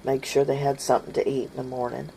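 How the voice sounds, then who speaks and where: A woman's voice: rumbling low, level tone, quick pace, gravelly, dark tone, a little hiss or hum. A woman telling a funny family story in a casual, folksy way, often laughing as she goes.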